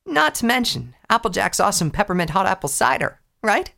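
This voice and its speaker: A brash, tomboyish young pony mare, voiced by a man in a storybook reading. She is boastful and sporty, pitched well up and bouncing all over her range. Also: sing-song, a little fast, gravelly, bright, forceful tone, exaggerated voice. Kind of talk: fan audio story reading.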